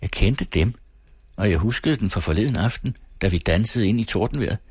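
A brooding, earnest young man from an old storybook, as a male reader plays him, slow and hesitant, pausing to search for words. The voice sits low and husky, recorded dry and close. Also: expressive, darkish tone, no echo.

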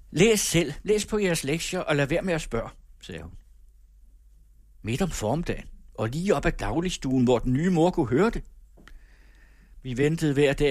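A man reads a literary novel aloud at a measured storytelling pace. His pitch is ordinary for a man. The recording is dry and close, with no room echo. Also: breathy edge. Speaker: audiobook narrator. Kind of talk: literary audiobook reading.

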